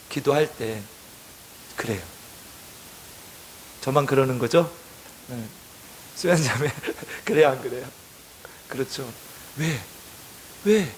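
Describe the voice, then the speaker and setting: A man preaching as pastor, reading scripture slowly and then explaining it in plain, casual speech, often asking the congregation questions. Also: mid-range voice, slight background noise. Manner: asks the congregation direct questions. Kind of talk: sermon.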